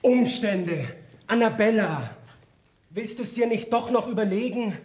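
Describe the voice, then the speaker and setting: An actor playing a jilted young suitor who goes from puzzled to vengeful. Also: male voice, high voice, lively intonation, measured pace, a little mellow. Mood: baffled suitor. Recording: echoey theater stage.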